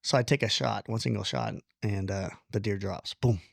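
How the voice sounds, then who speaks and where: A man telling a long personal story in casual conversation, animated, blunt and self-deprecating, with the odd curse word. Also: lowish voice, normal speed, creaky, dry recording, clean studio sound. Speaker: podcast guest.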